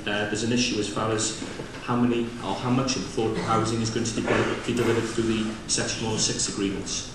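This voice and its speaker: A man with a Welsh accent opens a conference in a halting, semi-improvised way. His mid-pitched voice reaches the microphone from a distance, swimming in heavy room echo. He pauses often as he addresses the delegates. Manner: hesitant, halting delivery with frequent pauses. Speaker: conference opening speaker, local government representative. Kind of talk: bilingual public speech, semi-improvised. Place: large indoor conference venue. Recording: distant, very echoey hall with clear noise.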